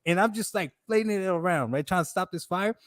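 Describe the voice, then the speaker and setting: A man's voice: high voice, brisk, heavy background noise. A man casually telling a long date story, animatedly acting out his own quotes in a raised voice.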